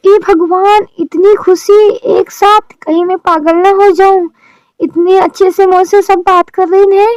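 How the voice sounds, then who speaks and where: A woman voicing a timid, grateful young widowed daughter-in-law in a cartoon drama, with a soft, meek manner. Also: very high-pitched, steady tone, measured pace, no room sound, dull audio. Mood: overjoyed.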